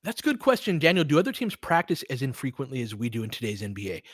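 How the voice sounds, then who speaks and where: This time the basketball host and coach talks fast in a husky mid-range voice with big pitch swings. It's casual live commentary, conversational and mildly profane with trailing-off asides, recorded cleanly in a studio without echo.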